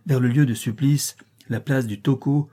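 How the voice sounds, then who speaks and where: A man reads an adventure novel aloud with steady, expressive pacing. His voice is mellow and dark in tone, with a soft husky grain throughout. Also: mid-range voice, normal speed. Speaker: audiobook narrator. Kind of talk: dramatic audiobook narration.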